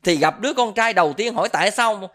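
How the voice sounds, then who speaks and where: Southern Vietnamese monk giving a dharma talk. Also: male voice, high-pitched, expressive, quick pace, fairly bright tone. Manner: storytelling, quizzes the audience with questions. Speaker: Buddhist monk.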